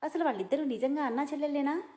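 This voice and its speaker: A woman voicing a hot-tempered, sharp-tongued young man who scolds angrily. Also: high voice, rapid-fire, lightly acted. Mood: indignant. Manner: angry, scolding.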